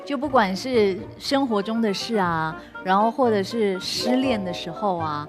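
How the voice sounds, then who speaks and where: A woman guest tells a personal story candidly, sometimes jumping high when she acts out her own outbursts. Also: lively intonation, unhurried, music in the background. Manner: candid, acts out quoted outbursts with sudden high bursts and laughs. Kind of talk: emotional personal storytelling on a talk show.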